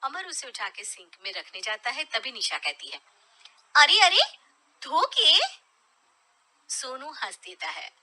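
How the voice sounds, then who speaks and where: A woman narrating a cartoon story in a hushed, low-key way. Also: very animated, moderate pace, few pauses, poor audio.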